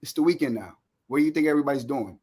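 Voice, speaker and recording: A man's voice: mid-range voice, very fast, darkish tone, breathy edge. A man arguing as a fan in a heated sports debate, insistent and slangy, cutting in, repeating his points and swearing.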